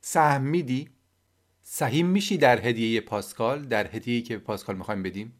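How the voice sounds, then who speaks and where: A man whose first language is Persian teaching German in a recorded lesson. He reads German example sentences slowly and carefully, then explains them quickly in a casual, conversational way. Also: mid-range voice.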